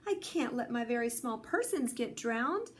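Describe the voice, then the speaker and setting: A big, gentle elephant who talks with earnest care, as a woman reads his lines, steady and protective of those smaller than him. The voice sits high for a storybook giant, with faint noise behind it. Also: moderate pace, natural voice. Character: big kind loyal male elephant.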